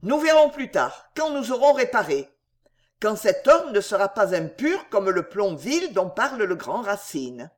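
A reader voicing a proud man poet who declaims with booming indignation. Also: very animated, a little slow. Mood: stern, commanding.

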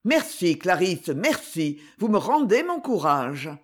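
A woman's voice: on the low side, very animated, takes it slowly, husky, exaggerated voice. A woman reading aloud and voicing a sorrowful, lovesick young man in an earnest, resigned tone.

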